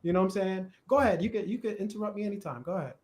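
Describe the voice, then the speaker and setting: A man with a Jamaican accent hosting a live church discussion, chatty and animated, laughing at times as he explains. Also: sits high, very fast. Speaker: host. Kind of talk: casual discussion on church worship. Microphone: live stream.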